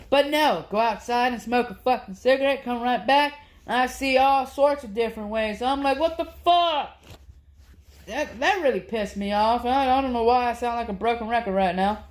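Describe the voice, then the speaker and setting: A man vlogging in a casual, rambling monologue, swearing constantly as he rants about his grievances. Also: extremely high pitch. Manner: profane, rambling, aggrieved ranting. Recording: echoey room.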